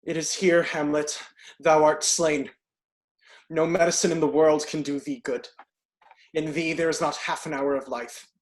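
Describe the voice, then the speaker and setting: A man performs a dying young swordsman in Shakespearean tragedy. He is remorseful and solemn, confessing in a fairly high voice. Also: steady tone, measured pace, natural voice. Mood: dying, accusing. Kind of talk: Shakespearean stage acting.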